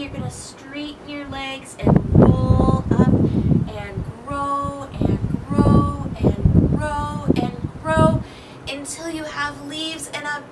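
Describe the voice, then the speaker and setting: On an apartment balcony, a high-pitched woman in her thirties reads a picture book aloud interactively to young children, sounding animated and deliberate. A camera microphone several feet away picks her up along with outdoor ambient noise.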